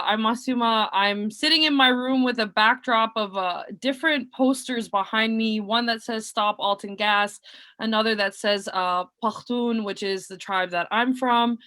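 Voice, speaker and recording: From her bedroom on a video call, a young community organizer from Nova Scotia, Canada, introduces herself as a guest speaker at an online panel. She speaks loudly and earnestly in a voice on the high side, with frequent ums and uhs.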